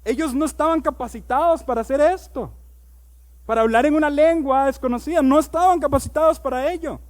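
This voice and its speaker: In this sermon, a pastor with a very high-pitched voice reads from scripture and lingers on important words. He works up to forceful, loud preaching.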